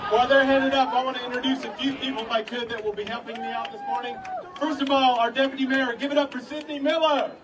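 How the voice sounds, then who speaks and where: A man acting as city manager gives an informal, folksy speech to a crowd at a public ceremony on an outdoor stage. His voice is very high, his tone steady, and his pace quick. The sound comes through a distant outdoor PA with crowd noise around it.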